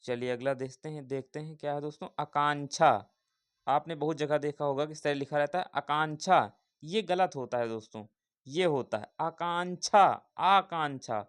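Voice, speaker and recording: A man's voice: on the high side, moderate pace, smooth. A man teaching an exam-prep spelling lesson, repeating each word and asking viewers questions.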